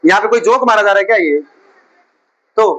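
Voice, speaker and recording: A man's voice: sits high, fairly quick, a bit bright, low-quality recording. A man teaching a chemistry class in a coaching centre, questioning and scolding his students as he explains.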